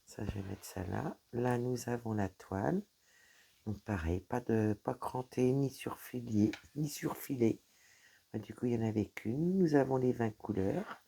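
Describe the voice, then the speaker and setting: This woman speaks at a moderate pace in a mellow bass voice with vocal fry, over slight background noise. During a crafting unboxing, the vlogger chats straight to her viewers while handling items, often using "voilà" and "donc".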